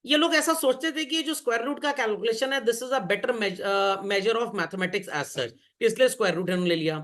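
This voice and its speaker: A man's voice: high voice, fairly bright tone. A male teacher giving a classroom lecture, joking and quizzing the class as he goes, often calling the students children. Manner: jokey, keeps addressing the class as children; asks the class quick questions. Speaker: commerce teacher.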